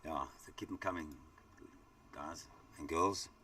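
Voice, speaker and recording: A man's voice: a bass voice, a little slow, pushed and bright, recorded from a distance. A middle-aged South African man giving live cricket commentary in a chatty, rambling way, with many fillers.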